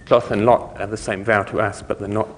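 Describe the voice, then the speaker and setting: A man's voice: lowish voice, little pitch movement, fast, big-room sound, slight background noise. A man giving a conversational conference talk, explaining things step by step. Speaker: conference speaker.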